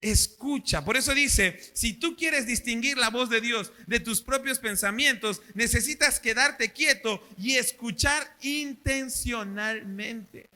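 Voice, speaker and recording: A man's voice: very high-pitched, slow, hardly any pauses. A male pastor, preaching a sermon at a church service and asking the congregation questions. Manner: animated, asks the congregation questions.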